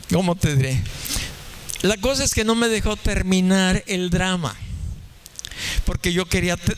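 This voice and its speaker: Over slight background noise, a man with a somewhat high voice preaches as a pastor. His sermon is jokey and anecdotal, featuring a funny story and casual back-and-forth with the congregation.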